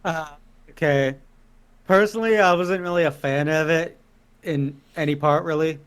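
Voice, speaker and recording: A man's voice: fairly high pitch, moderate pace, clear, resonant tone. A man co-hosting a podcast in casual chat, hesitant and repeating himself. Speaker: podcast co-host.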